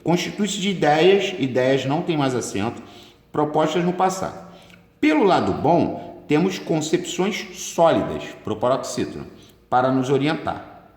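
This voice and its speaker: A man's voice: fairly high pitch, measured pace. Brazilian guy going over exam grammar, bouncy up and down voice, echoey room. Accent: Brazilian Portuguese. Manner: lively explaining, stretches words for emphasis. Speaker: exam-prep teacher. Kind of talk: grammar lesson walkthrough. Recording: roomy echo with long reverb.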